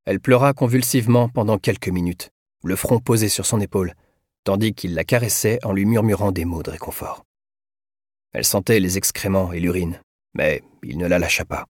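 A man reading a novel aloud as narrator, in a measured, even voice. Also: low voice, husky, no room sound, clean studio sound. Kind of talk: audiobook narration.

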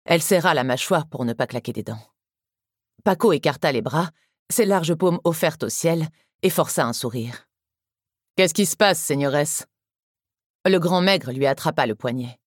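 A woman narrating a novel in a measured, even storytelling manner. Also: deep voice, slightly rough, no room sound, studio quality. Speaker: audiobook narrator. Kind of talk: scripted narration.

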